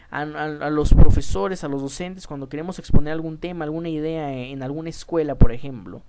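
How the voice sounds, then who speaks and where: A woman's voice: low-pitched, mellow. A woman with a Mexican Spanish accent, a teacher giving a public speaking lesson, emphatic and addressing her students directly, often restarting words.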